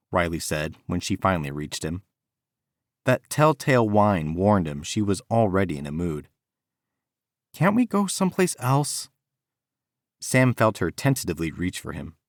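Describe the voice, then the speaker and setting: A man narrating an audiobook in a measured storytelling manner, recorded on a studio mic. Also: deep voice, no room sound. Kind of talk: scripted narration.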